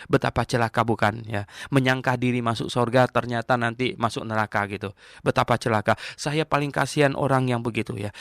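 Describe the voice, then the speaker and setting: Gravelly emphatic older preacher. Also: male voice, mid-range voice, no room sound, studio quality. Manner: emphatic, animated, repeats key phrases; chuckles between points. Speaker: pastor. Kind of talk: radio-style Bible teaching sermon.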